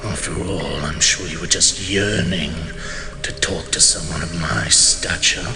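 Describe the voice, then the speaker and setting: An immortal king, acted by a man in a fantasy audio drama, haughty and bitter. His speech is slow and grandly formal, with a creaky edge and dramatic swings in pitch. Music plays behind his pompous, sardonic monologue. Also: fairly even intonation. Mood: haughty, condescending. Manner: pompous, theatrical, archaic formal diction.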